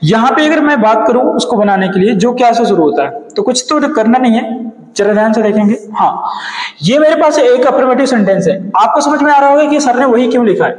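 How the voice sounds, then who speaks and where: Male English tutor, very high voice, quizzing style, recorded in an echoey room. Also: lively intonation, a little fast. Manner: asks questions and answers them himself. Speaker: English teacher. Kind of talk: classroom grammar lesson. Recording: roomy echo with long reverb.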